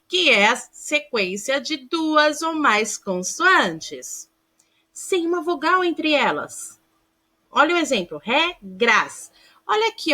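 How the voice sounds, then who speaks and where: A woman's voice: high voice, bright, forceful tone. A woman, a primary school teacher giving a recorded grammar lesson, sounding words out syllable by syllable and calling her pupils "amores". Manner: affectionate, calls pupils "amores", asks checking questions.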